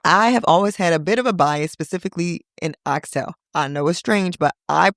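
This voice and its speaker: A woman in her thirties hosting a casual solo podcast, talking in a playful, chatty way with teasing asides and sudden high-pitched exclamations. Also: fairly quick, no echo, studio quality. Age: 30s. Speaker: podcast host.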